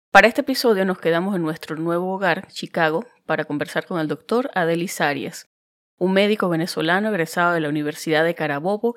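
Friendly chatty woman hosting a podcast. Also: fairly low pitch. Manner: friendly, chatty, lightly joking. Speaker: podcast host. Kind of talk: conversational interview.

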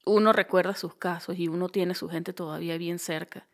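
Animated woman interviewer. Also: fairly low pitch, a little fast. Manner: animated, questioning, frequent backchannels.

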